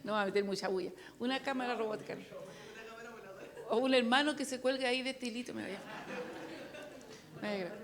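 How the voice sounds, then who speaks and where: A woman's voice: fairly high pitch, brisk, long pauses, crowd noise. A woman preaching a sermon, chatty and joking with the congregation.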